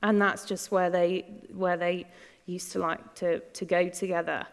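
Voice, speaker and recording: A woman's voice: fairly low pitch, flat delivery, unhurried. A woman giving a candid, chatty talk about her own story, with many fillers and restarts. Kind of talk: personal story talk to an audience. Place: large lecture hall. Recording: long hall reverb.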